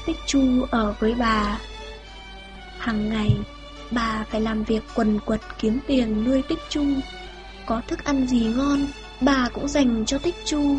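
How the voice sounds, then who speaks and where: A woman narrating a fairy tale in a slow, gentle reading voice. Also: fairly high pitch, fairly even intonation, soft background music. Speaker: storyteller.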